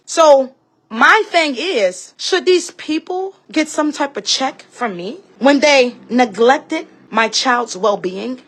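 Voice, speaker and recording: Telling her story in a fiery, expletive-laced vlog rant, a woman speaks in a slightly high voice with a fairly bright tone. She hammers her points emphatically, repeats herself, and mimics other people's remarks.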